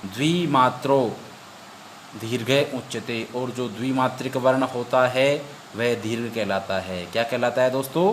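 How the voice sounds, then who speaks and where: A man teaching an exam-prep lesson. He recites verses slowly and repeats each point as a question he then answers. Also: medium pitch, a little hiss or hum.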